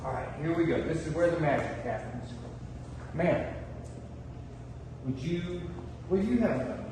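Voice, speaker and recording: Echoey kids' party magician, higher-pitched man. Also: measured pace. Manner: playful, mock surprise, coaxing the audience to join in. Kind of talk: live magic show patter for children. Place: large reverberant indoor hall. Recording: echoey noisy hall, distant mic.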